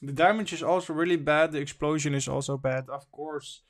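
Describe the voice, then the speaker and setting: A man with a slightly raised pitch hosts a casual livestream, reading articles and viewer comments aloud as he goes. His delivery is loose and wandering, and he sounds sniffly from allergies. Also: steady tone, brisk. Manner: reads news and chat aloud, wandering and informal. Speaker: stream host.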